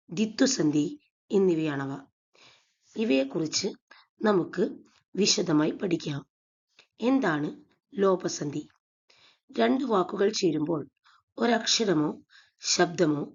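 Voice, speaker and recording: A woman teaching a grammar lesson for exam preparation. She speaks slowly and deliberately, in a slightly low, gravelly, husky voice, and repeats each example. The recording sounds dull and lo-fi. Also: darkish tone.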